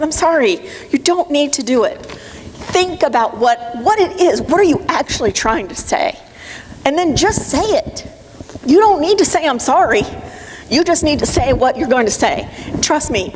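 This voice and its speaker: A middle-aged woman giving a live motivational talk to an audience, emphatic, direct and coaching. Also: high voice. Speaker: motivational speaker. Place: conference room with audience. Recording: long hall reverb, faint noise.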